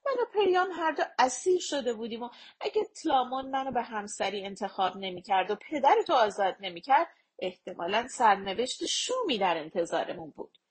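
A woman voicing a gentle, calm queen. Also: a little high, breathy edge, full character voice. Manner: soft, calm.

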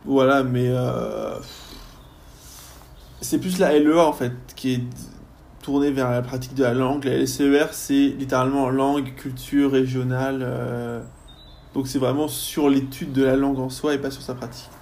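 A young man, a university student, chatting casually in a podcast interview, often pausing on fillers as he thinks. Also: mid-range voice, level tone, vocal fry, darkish tone, slight background noise. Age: young adult. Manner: chatty, lots of hesitations and fillers.

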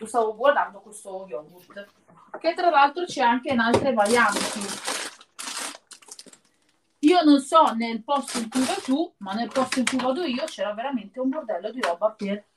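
High-voiced woman, southern Italian street slang. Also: expressive, normal speed, background noise. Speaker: live show co-host. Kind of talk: casual chat on a live stream.

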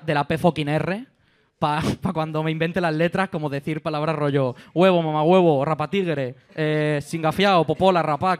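Joking host, higher voice. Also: male voice. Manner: joking, laughs between lines. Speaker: host running a quiz game. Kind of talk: live comedy podcast banter. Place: pub with live audience.

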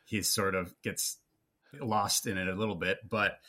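A man who is a comedian, chatting casually on a podcast and acting out movie lines with excitement. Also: moderate pace. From Los Angeles. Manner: animated, acts out quotes in a high excited voice. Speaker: guest comedian.

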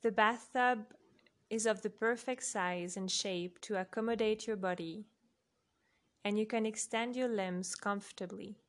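This woman narrates a guided sleep meditation at a gentle, leisurely pace, leaving long gaps between phrases. Her voice is soft and medium in pitch.

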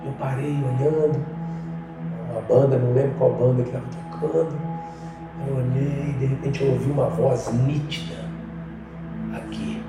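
A man's voice: mid-range voice, fairly even intonation, normal speed. A man, a guest musician on a podcast, telling his life story casually in slangy speech that rises into fervent emphasis. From Minas Gerais, Brazil. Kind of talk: casual personal testimony. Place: podcast studio. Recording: very echoey room with background music.

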